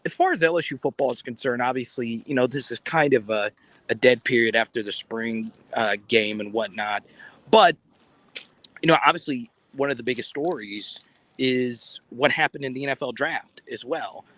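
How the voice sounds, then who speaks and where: A man's voice: medium pitch, normal speed, fairly bright tone, no room sound, rough recording. A man hosting a casual outdoor phone livestream, rambling and joking as he talks to his viewers. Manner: rambling, chatty, jokey asides to viewers. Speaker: sports fan channel host. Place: outdoors in a city, near a palace.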